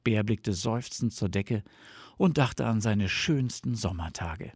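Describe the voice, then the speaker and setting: A man reading a storybook aloud in a soft, lulling narration. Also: fairly low pitch, lively intonation, slow pace, husky, dry recording, studio quality. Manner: soft, lulling with sound words.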